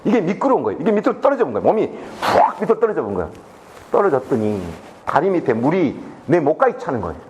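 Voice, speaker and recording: A man's voice: on the high side, fast, a little hiss or hum. A middle-aged man giving a public lecture, telling a story and acting out its dialogue. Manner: animated, acts out dialogue in his story.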